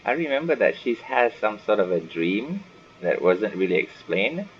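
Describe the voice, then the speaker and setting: This gaming video host has a fairly low, sing-song voice at normal speed. He mutters and thinks out loud through casual play-by-play, and the lo-fi mic sounds dull with a little noise.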